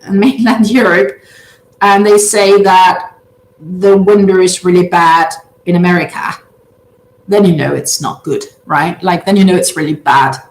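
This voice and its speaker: With a mid-range voice and a Danish accent, a woman in her thirties, a Denmark native who speaks Danish as her first language, runs a casual livestream. She reads viewer comments and talks haltingly, full of filler sounds, and her large open-plan living room adds a roomy echo.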